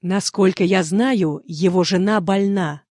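A woman repeating example sentences calmly and carefully for a language course. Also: medium pitch, a little slow, no echo, studio quality. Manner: calm, careful enunciation. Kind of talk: scripted phrase reading.

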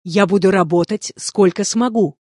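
A woman repeating example sentences calmly and carefully for a language course. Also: mid-range voice, normal speed, no echo, clean studio sound. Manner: calm, careful enunciation. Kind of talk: scripted phrase reading.

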